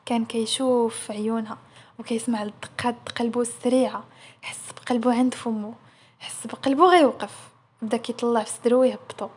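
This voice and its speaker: A young woman with a Moroccan accent narrating a romance story in a rapid, breathless manner. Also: a little high, a little mellow, slightly rough.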